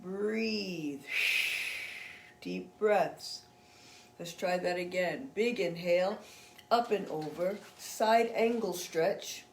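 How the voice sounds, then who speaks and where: A woman yoga instructor guiding a gentle stretch session, chatty and encouraging between breathing cues. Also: lowish voice, slow pace, long pauses, reverberant, a little hiss or hum.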